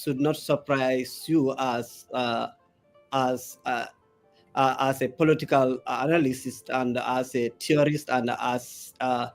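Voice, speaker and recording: A Gambian man gives his analysis in a live interview, in a voice of middling pitch. He speaks haltingly and fills his pauses with many drawn-out sounds as he works toward his points. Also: fairly even intonation, vocal fry, soft background music. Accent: Gambian English. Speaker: political analyst guest.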